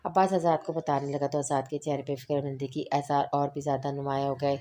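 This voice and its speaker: A woman's voice: a bass voice, flat delivery, fast, warm tone. A woman reading a romance novel aloud, voicing every character's lines in her own voice. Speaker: novel narrator.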